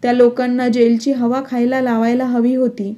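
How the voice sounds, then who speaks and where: A woman's voice: fairly high pitch, little pitch movement, normal speed, dark tone, natural voice. A woman voicing a blunt, combative middle-aged uncle in a storybook reading. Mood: indignant.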